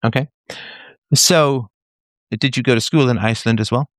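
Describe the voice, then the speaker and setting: Speaking at normal speed with a mid-range voice, this man hosts a probing talk with a caller, questioning him closely and following up logically. The studio sound is clean with no echo.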